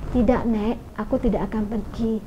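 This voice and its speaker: Lady voicing a calm kind patient guy, soft mellow tone, muffled. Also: on the high side, moderate pace, a little hiss or hum, close to an everyday voice. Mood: gentle. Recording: muffled radio studio audio.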